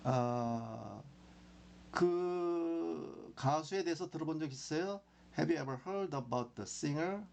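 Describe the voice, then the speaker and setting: Slow, gravelly grammar teacher. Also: male voice, on the high side, expressive, darkish tone. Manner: slow, repeats example sentences with long drawn-out pauses. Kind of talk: classroom grammar lesson.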